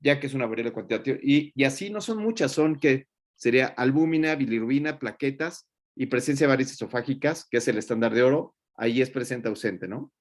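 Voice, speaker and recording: A man's voice: mid-range voice, fairly quick. Joking man giving class feedback. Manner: colloquial and joking, with many fillers. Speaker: teacher. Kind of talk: classroom feedback on student presentations.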